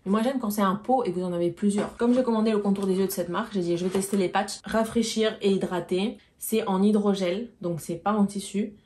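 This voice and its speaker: A woman's voice: mid-range voice, fairly even intonation, brisk, hardly any pauses, a little mellow. A woman vlogger chatting casually to viewers as she shows and explains beauty products one by one. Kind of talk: casual product haul chat.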